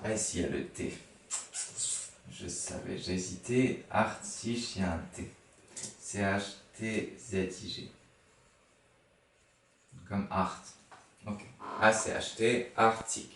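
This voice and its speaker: A man's voice: lowish voice, takes it slowly, long pauses, a bit bright, a little hiss or hum. A man teaching a lesson, spelling words out letter by letter and patiently repeating each one as he thinks aloud. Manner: patient, repeats each word several times. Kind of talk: explaining a language lesson to a class. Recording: echoey room, voice far from the mic.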